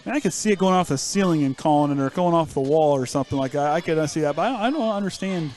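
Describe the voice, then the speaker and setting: A man calls a high school basketball game play by play, his voice a touch high for a man. Between plays he teases his co-hosts in a joking tone. He is broadcasting from a school gym. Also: fast talker, darkish tone. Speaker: play-by-play announcer. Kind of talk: live basketball commentary.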